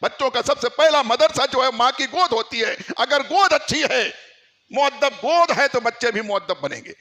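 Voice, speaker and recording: A man's voice: very high voice, animated, normal speed, bright, forceful tone. A man from India preaching a storytelling sermon, emphatic and exhorting his listeners.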